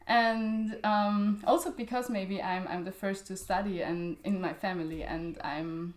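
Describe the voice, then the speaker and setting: This young Austrian woman, a native German speaker, is the guest in a conversational interview as a journal founder. Her mid-range voice has fairly even intonation and an unhurried pace in a reverberant space, and she uses many fillers and restarts while laughing often.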